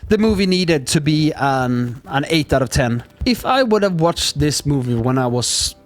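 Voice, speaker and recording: A man's voice: fairly high pitch, very animated, normal speed, faint music behind. A man giving a playful, self-mocking film review who often trips over his words. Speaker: movie reviewer. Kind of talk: scripted film review with jokes.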